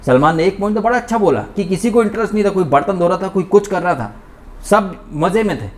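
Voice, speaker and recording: A man's voice: high-pitched, expressive, quick pace. A man giving an indignant, ranting commentary monologue as a vlogger reviewing a show. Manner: indignant, ranting, mocking impressions.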